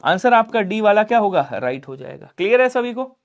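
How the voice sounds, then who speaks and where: This online exam-prep grammar teacher speaks briskly in a high, very animated voice. Going step by step, he questions his students and answers for them, while pushing viewers to like and subscribe.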